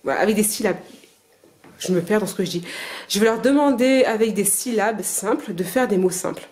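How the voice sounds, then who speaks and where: A woman's voice: medium pitch, a little fast, darkish tone. Hesitant woman explaining home lessons. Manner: hesitant, full of filler sounds. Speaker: homeschooling mother. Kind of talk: casual explanation to camera. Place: home, at a whiteboard with her children.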